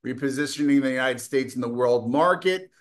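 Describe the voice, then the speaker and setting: A man's voice: mid-range voice, brisk. A middle-aged man hosting a political commentary show, delivering a combative, scornful and profane opinion monologue, with occasional coughing.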